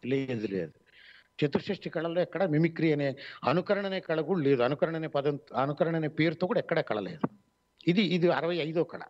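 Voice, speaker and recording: A man with a Telugu accent, a mimicry artist, answering radio interview questions in a measured, explanatory way with many pauses and fillers. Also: fairly high pitch, animated. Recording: dull lo-fi online radio audio.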